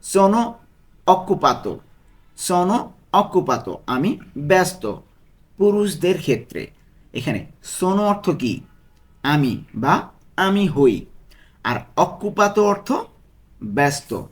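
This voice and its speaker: A man with a Bangladeshi Bengali accent teaching Italian phrases, repeating each one slowly and asking and answering his own questions. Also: high voice, very animated. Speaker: language tutor. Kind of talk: Italian lesson taught in Bengali.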